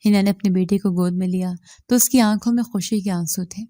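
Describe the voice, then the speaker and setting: A woman reading a moral story aloud as the narrator, in a steady, even manner. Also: mid-range voice, no echo.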